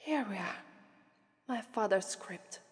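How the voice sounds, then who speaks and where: A voice actress from Italy, with an Italian accent, gives a heavily acted, wistful performance as a shy, affectionate young demon princess bride in an ASMR roleplay. Her mid-range voice is husky and animated yet slow, soft and gentle, often whispering, and she falters and restarts when nervous. The audio is dry, clean studio sound.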